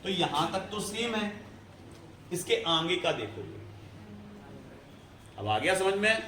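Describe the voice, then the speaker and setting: A male chemistry teacher gives a classroom lecture, explaining step by step and often checking whether students follow. His high voice is very animated, slow, bright and forceful. The room is echoey, with faint ambience and slight background noise.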